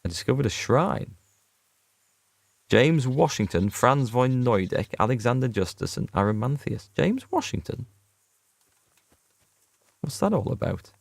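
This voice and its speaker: In casual let's-play commentary, a streamer chats with his viewers, reading and replying to their messages during play. His medium-pitched voice is very animated yet unhurried and gravelly, broken by long pauses, with no echo.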